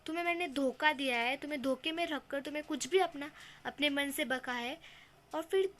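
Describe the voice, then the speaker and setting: A woman's voice: high-pitched, normal speed, a bit bright. A woman Hindi teacher explaining a story to children, retelling lines and defining words as she goes. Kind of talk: explaining a lesson to students.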